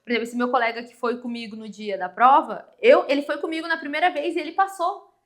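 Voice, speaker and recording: High quick-talking Brazilian woman. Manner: animated, acts out dialogue in quoted voices. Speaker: guest. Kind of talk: storytelling in a podcast interview.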